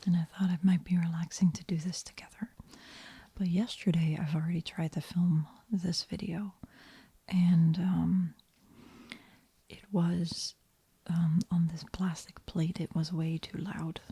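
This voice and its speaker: A woman speaking in a hushed, whispery voice as an ASMR host, gentle and unhurried. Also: fairly low pitch, level tone, breathy edge, no echo. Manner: slow, unhurried, gentle murmur. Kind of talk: soft-spoken ASMR.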